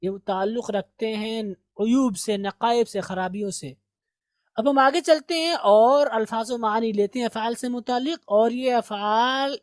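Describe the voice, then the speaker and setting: Slow, drilling woman English teacher. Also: on the high side, darkish tone, no room sound. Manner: slow, repeats each word for pronunciation drill. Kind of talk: vocabulary lesson with drills.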